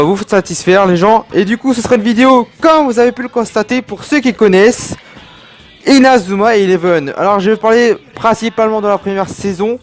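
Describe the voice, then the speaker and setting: A young man from France casually reviewing an anime, rambling and digressive with chatty asides to his viewers. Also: high voice.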